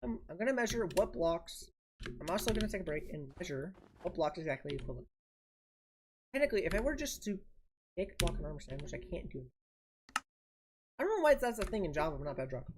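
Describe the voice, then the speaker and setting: Woman, low voice, casual game streamer, muttering step by step, loud keyboard typing and clicks. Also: big pitch swings, fast, pauses often, noisy background. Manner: mutters step-by-step commands to herself. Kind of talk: casual thinking aloud while building.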